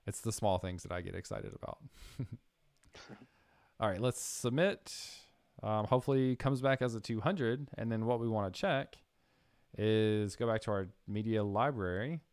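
A young man hosting a coding live stream, thinking aloud with fillers and getting excited. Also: fairly low pitch, no room sound, studio quality. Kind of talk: casual live-coding chat.

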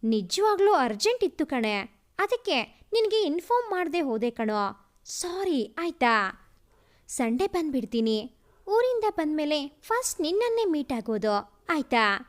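A woman's voice: high voice, big pitch swings, unhurried. A woman voicing a young woman friend who apologizes and coaxes over the phone. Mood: coaxing. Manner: apologetic, coaxing.

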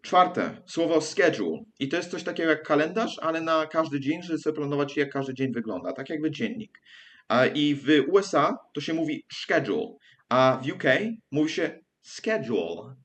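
A man teaching an English pronunciation lesson, talking haltingly with frequent hesitations and self-corrections, and repeating sounds aloud to demonstrate them. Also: fairly high pitch, animated, fairly bright tone.

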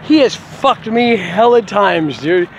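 A man's voice: high voice, lively intonation, slow, creaky, muffled recording, soft background music. A middle-aged man venting in a rambling, profane monologue to camera, swearing constantly and laughing now and then. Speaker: vlogger.

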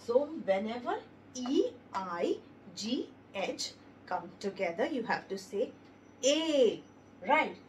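A sing-song woman's voice, on the high side, works through a phonics lesson, slowly sounding out letters one by one with stress on each word. She is encouraging, praises the children, and calls her listeners babies. The distant mic picks up a little hiss or hum.

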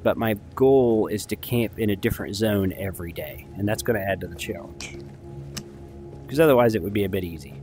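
Male gaming host, lowish voice, casual rambling commentary, chatty, informal, music behind. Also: a little fast, a little mellow.

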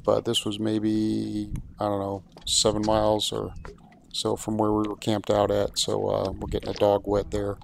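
A man with a low, gravelly voice narrates his boat trip in an easy, rambling way, with plenty of fillers. His pitch barely moves, so the talk comes out flat and steady. A faint hiss sits under the recording. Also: moderate pace. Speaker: vlogger. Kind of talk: casual vlog narration.

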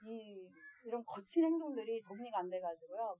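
Lively woman telling parenting stories. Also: fairly high pitch, fairly quick. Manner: lively, acts out quoted voices and laughs often. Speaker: adoptive mother speaking at a parent education session. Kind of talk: storytelling lecture to parents.

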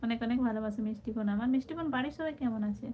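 A woman's voice: fairly high pitch, racing, dark tone. A woman hosting a casual live stream, chatting affectionately with viewers and reading out their comments. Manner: chatty, affectionate, calls viewers brother and sister. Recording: tinny phone-like sound with faint background noise.

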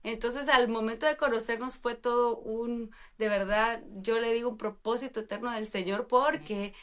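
A woman's voice: on the high side, steady tone, moderate pace, a bit bright. A middle-aged woman from Honduras, a guest on a talk show, cheerfully telling her love story into a studio mic. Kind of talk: casual chat. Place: home studio. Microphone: studio mic with headphones.

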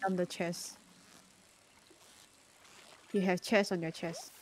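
A woman's voice: lowish voice, steady tone, slow pace, a little hiss or hum. A woman streamer chatting in a laid-back, teasing way while playing a farming game with a friend. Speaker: guest streamer. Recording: faint music behind voice.

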